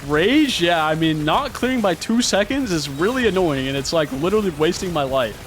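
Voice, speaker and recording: A man streaming live gameplay, talking to himself and breaking into frustrated shouts. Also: a little high, lively intonation, moderate pace, a little hiss or hum. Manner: mutters to himself, bursts into shouts when frustrated.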